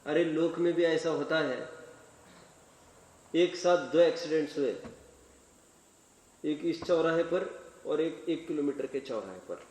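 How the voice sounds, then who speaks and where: A man preaching a sermon in a slow, deliberate delivery, with his voice sitting a little high for a man. He tells stories and keeps asking his listeners questions. The recording comes from a distant mic in a large hall, with a long, echoing reverb. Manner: slow, expressive storytelling with rhetorical questions. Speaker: Jain preacher. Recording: echoey hall, voice from far off.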